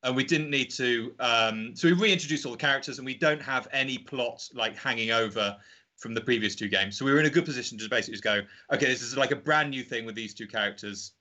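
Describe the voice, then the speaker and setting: Bright-voiced man chatting as interview guest. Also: medium pitch, fast talker. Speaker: indie game developer, podcast guest. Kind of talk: casual interview chat.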